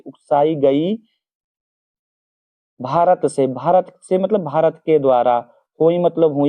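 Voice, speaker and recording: A man teaching a Hindi poem to school students, giving each word's meaning slowly and repeating it so they can write it down. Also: on the high side, dark tone, dry recording. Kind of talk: explaining poem word by word. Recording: dry, phone-like narrow sound.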